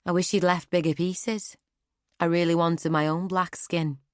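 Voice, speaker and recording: A woman's voice: fairly low pitch, little pitch movement, moderate pace, no echo, studio quality, pitched above the performer's own voice, close to an everyday voice. A woman voicing Clara, a blunt, pragmatic young novice who speaks matter-of-factly and wryly in an audiobook. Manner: matter-of-fact, wry. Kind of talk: audiobook character voice.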